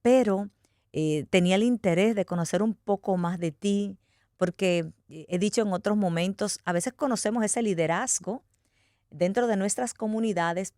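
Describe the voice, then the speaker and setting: A woman's voice: mid-range voice, moderate pace, warm tone, dry recording, studio quality. A woman hosting an interview, asking encouraging questions and affirming her guest's answers. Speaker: interviewer host.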